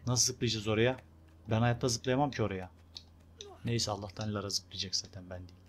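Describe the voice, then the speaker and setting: A young man casually commenting on his own gameplay, chatty and excitable, talking to his viewers and urging on the game character. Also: fairly low pitch, fairly quick, a little hiss or hum. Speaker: gameplay video host. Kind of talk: casual let's-play commentary.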